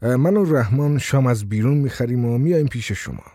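A man's voice: medium pitch, animated, warm tone, no room sound, studio quality, close to an everyday voice. Man playing a polite, uneasy young husband.

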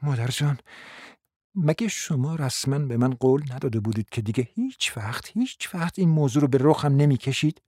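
A man's voice: high voice, no echo, clean studio sound, natural voice. A man playing a proud, scornful young woman. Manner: sharp, scornful and impatient. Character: proud, bitter young woman, a sick daughter. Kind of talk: radio drama acting.

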